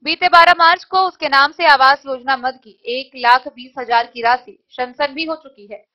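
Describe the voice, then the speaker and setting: A woman reading a local news report in a formal, even voice-over. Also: sits high, highs cut off. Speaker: news reader.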